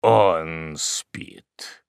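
A man's voice: very deep voice, vocal fry, clear, resonant tone, dry recording, clean studio sound, voice pushed down, exaggerated voice. A man reading an audiobook and voicing a cruel, mocking demon disguised as a dwarfish hermit, in a hollow, menacing voice. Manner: hollow, menacing, drawn-out, at times whispered.

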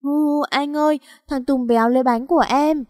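A woman's voice: high voice, steady tone, moderate pace, a little mellow, no echo, clean studio sound, pitched above the performer's own voice, natural voice. A woman voicing a frail little girl who whines and pleads to her older brother. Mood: tearful. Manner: whiny, pleading. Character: frail little girl, tearful younger sister.

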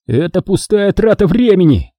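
A man's voice: high voice, sing-song, moderate pace, dark tone, no echo, clean studio sound, voice pushed up, heavily acted. A man reading the part of an impatient, irritable male official in an audiobook, complaining. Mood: irritated.

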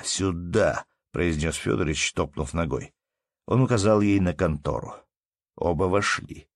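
A man narrating a classic story as an audiobook reader in a steady, measured way. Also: low-pitched, dry recording, studio quality. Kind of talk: literary narration.

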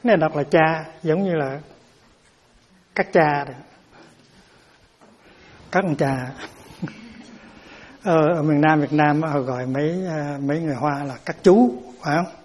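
Man, Buddhist teacher, dharma talk, raspy, higher-pitched, repeats words, explanatory. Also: measured pace, pauses often.

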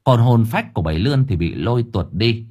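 A man narrating a ghost story audiobook in a vivid, expressive way. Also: lowish voice, brisk, breathy edge.

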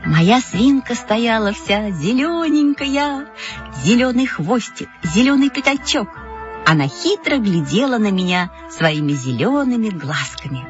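A woman narrating a first-person children's story, animated and expressive. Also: fairly high pitch, measured pace. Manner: animated, playing a girl narrator. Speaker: audiobook reader. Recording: dull lo-fi with music behind.

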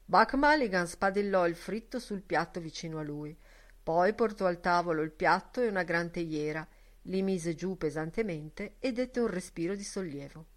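A woman narrating a literary novel in a measured, steady reading. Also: fairly low pitch. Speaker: audiobook narrator.

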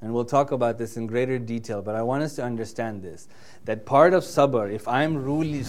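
A man's voice: medium pitch, brisk, background noise. A man giving a religious lecture in English, who recites passages fluently in Arabic and often checks in with "yeah?" and "right?". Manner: earnest, emphatic delivery. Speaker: preacher.

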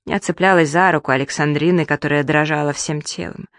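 A woman narrating an audiobook in the first person, reading in a soft, measured and emotional way. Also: low-pitched, steady tone, no echo, clean studio sound.

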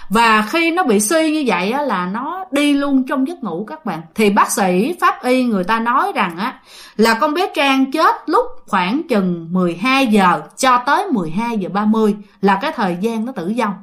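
A woman with a Southern Vietnamese accent narrates a ghost story casually. Her voice sits high, and she talks in a loose, chatty way full of fillers, turning often to her listeners. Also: very animated, moderate pace, a bit bright.

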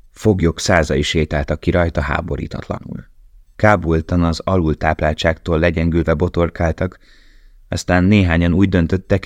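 Very deep-voiced male audiobook narrator. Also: a little mellow, no echo, clean studio sound.

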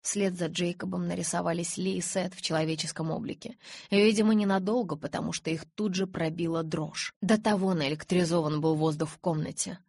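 A woman narrating a first-person novel in an expressive, dramatic way, recorded close on a studio mic. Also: on the low side, brisk, husky, dry recording. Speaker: audiobook narrator.

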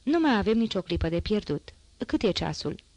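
Woman reading a curt police inspector guy, quick firm orders, audiobook. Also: medium pitch, big pitch swings, darkish tone, no room sound, lo-fi sound. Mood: brisk. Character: stern male police inspector, curt and commanding.

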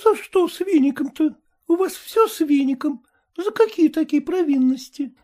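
A reader doing a whiny sulky young daughter. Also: female voice, high voice, animated, normal speed, dark tone, pitched above the performer's own voice.

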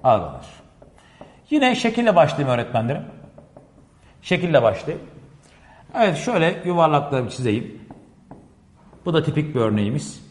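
Lively high-voiced male teacher, echoey classroom. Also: moderate pace, long pauses. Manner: explanatory, repeats key phrases, constantly addresses listeners. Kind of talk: classroom lecture. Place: classroom with a board. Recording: echoey room with long reverb.

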